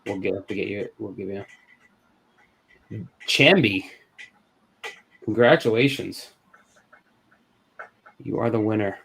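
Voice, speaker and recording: A man's voice: fairly low pitch, slow pace, gravelly, pauses often, a bit bright, slight background noise. Chatty man hosting a giveaway stream. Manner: loose, chatty, trails off and restarts. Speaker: host of a card giveaway stream. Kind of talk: casual live-stream chat.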